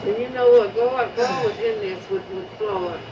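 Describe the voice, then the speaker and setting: This woman's voice is mid-range and at normal speed. A public housing resident, she earnestly and emotionally remembers a neighbor, frequently repeating herself and restarting words, while a distant mic gives a muffled sound with steady background noise.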